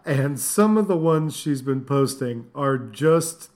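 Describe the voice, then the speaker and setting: Man, podcast co-host, mid-pitched voice, casual chat, laughs a lot, lots of ums. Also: animated, slow, a little mellow. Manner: chatty, laughs often, many fillers.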